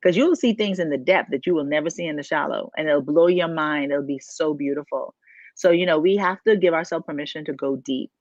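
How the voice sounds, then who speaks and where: A woman's voice: low voice, a little fast, darkish tone, no echo. Female life coach from the Bahamas, preachy and emphatic, dry and dull lo-fi audio. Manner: emphatic, preachy, asks rhetorical questions. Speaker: life coach and podcast co-host. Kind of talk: motivational podcast talk.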